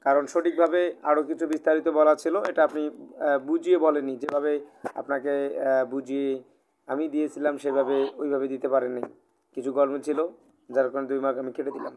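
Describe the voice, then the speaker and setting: A man's voice: mid-range voice, flat delivery, quick pace, darkish tone, a little hiss or hum. A man with a Bangladeshi Bengali accent teaching Chinese in a live online class, patient, repeating and rephrasing himself with many "ah" fillers. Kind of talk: live online language class, oral exam.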